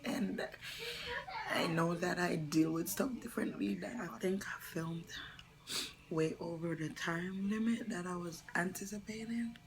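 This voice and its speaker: A young woman telling a personal story on her vlog, soft and halting, often slipping into a whisper, earnest and tearful. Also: fairly low pitch, fairly even intonation, crowd noise, poor audio. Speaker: vlogger.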